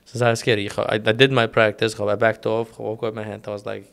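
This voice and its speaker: A man's voice: on the low side, flat delivery, rapid-fire, creaky, fairly bright tone. A young man chatting as an interview guest, rambling through his stories with many restarts and English phrases mixed in. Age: young adult. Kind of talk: casual interview chat.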